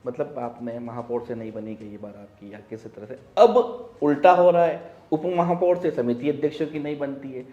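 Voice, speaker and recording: A man's voice: mid-range voice, moderate pace, warm tone, roomy sound, highs cut off. A man hosting a local news interview, asking probing, conversational questions.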